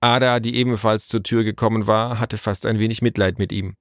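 A man's voice: on the low side, flat delivery, brisk, no echo, studio quality. Man reading a story aloud. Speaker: narrator. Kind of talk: storybook narration.

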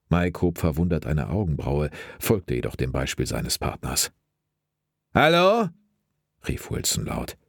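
A man narrates a crime story in a deep, husky voice, steady and measured. The recording is dry and close, with no room sound. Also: no room sound. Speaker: audiobook narrator.

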